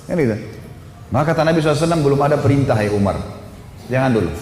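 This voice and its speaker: A man telling a story as a sermon, animated and casual, voicing the people in his story and dropping in filler tags. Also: medium pitch, rapid-fire. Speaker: preacher. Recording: echoey hall with faint ambient noise.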